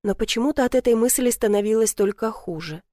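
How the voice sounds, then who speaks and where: A woman narrating a first-person audiobook in an expressive, wry way. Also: on the high side, fast, no room sound, clean studio sound. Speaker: audiobook reader.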